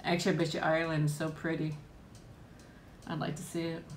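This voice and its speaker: A middle-aged woman with a flat, brisk delivery hosts a casual live chat and eating stream from her home. She rambles, laughs frequently and uses lots of ums. Her voice echoes in the room over a faint rumble.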